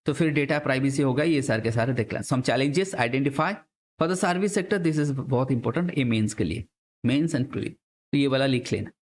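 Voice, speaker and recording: A man's voice: mid-range voice, a little mellow. Chatty male teacher lecturing exam students. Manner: conversational, mixes English terms, asks students rhetorical questions. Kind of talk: classroom lecture.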